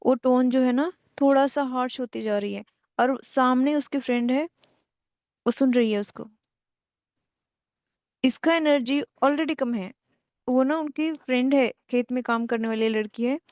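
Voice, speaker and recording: A woman spiritual teacher telling a story slowly and repetitively, with many pauses. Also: sits high, a little mellow, smooth, no echo, dull audio.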